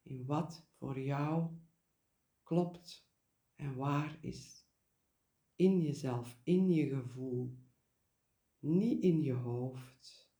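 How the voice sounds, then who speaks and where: A man leads a guided meditation in a soft-edged, mellow voice. He speaks very slowly and deliberately, leaving pauses and repeating key words. The room adds a noticeable echo around him. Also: mid-range voice. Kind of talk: guided meditation, spoken reflection.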